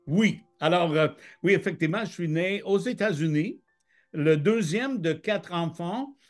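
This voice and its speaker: A middle-aged man from Michigan in the United States, a guest on a video call, tells his life story in French for a testimony interview. His voice sits high with lively intonation and a slightly slow pace, and he hesitates with many fillers while faint music plays behind him.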